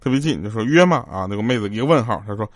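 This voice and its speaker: A man's voice: lowish voice, racing, no echo, studio quality. Chuckling male comedy radio host. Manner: chuckles often while telling jokes; quotes characters in raised, lively voices. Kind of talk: joke-telling comedy chat.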